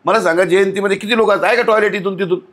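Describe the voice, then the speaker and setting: Very fast and high, with a steady, fairly bright tone, a man talks as a guest in a conversational podcast interview. Outspoken on local civic issues, he is blunt and indignant, scolding with a stream of rhetorical questions.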